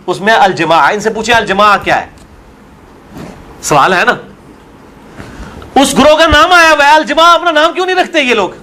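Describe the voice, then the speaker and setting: A man with a high, fairly bright voice, a religious scholar in an interview, argues his position combatively and fires off rhetorical questions.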